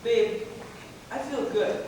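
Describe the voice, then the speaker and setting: A man's voice: extremely high pitch, takes it slowly, noisy background. Young man as a reassuring, confident romantic lead; stage musical, long hall reverb. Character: young male factory boss, confident romantic. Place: theater stage before an audience. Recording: distant echoey stage recording, long reverb.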